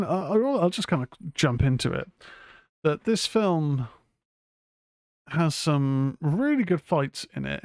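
Brief: casual podcast host, gravelly and dry, swears a lot. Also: male voice, mid-range voice, darkish tone, no echo. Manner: chatty, rambling, swears freely, many fillers. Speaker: film review podcast host. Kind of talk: casual film review chat.

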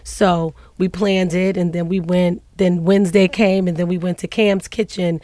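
A woman in her forties from Queens with a New York accent and a deep, husky voice, casually telling a story as a guest and laughing often. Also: flat delivery, moderate pace, warm tone, dry recording.

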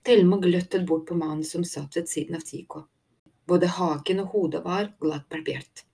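A woman narrating a children's audiobook in a steady, even storytelling voice. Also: lowish voice, breathy edge. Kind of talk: scripted narration.

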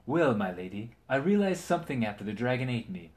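A man's voice: medium pitch, sing-song, fairly quick, a little mellow, lightly acted. A man voicing a cheerful young male zombie knight who boasts and laughs triumphantly. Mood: proud.

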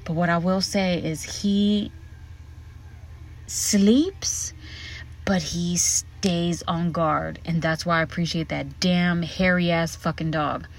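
A woman's voice: fairly low pitch, steady tone, slow. Profane woman host talking inside a closet. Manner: frank, profane, chatty storytelling. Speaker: podcast host. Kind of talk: casual solo podcast monologue. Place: inside a hotel room closet. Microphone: podcast mic set up in the closet.

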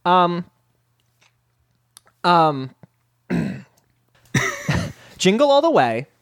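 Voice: mid-range voice, drawn-out words, clear, resonant tone, no room sound, clean studio sound. A podcast host leading a casual movie review chat in a giggly, bouncy way. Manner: giggly, bouncy, animated talk.

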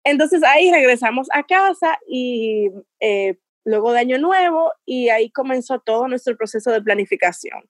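A woman from the Caribbean, in her thirties, tells a personal story as a guest. Her voice sits high, and she laughs often. The recording is dry and close. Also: lively intonation, moderate pace, no room sound. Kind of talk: casual interview.

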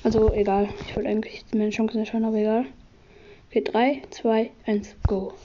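A woman hosting casual gameplay commentary, upbeat and slightly hoarse from a cold, reading out item counts in quick bursts. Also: on the high side, flat delivery, mellow, a little hiss or hum. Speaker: gaming channel host. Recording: dull lo-fi audio with game music. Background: game music.

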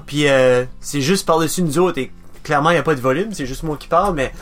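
A man's voice: fairly high pitch, quick pace, a bit bright. A man, hosting a casual podcast chat, rambling with many restarts and English words mixed in. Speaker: podcast host.

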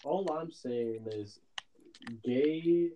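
A man's voice: a little high, expressive, normal speed, a little mellow. A man talking casually in an online gaming voice chat. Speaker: online game player. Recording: distant noisy mic, keyboard clicks.

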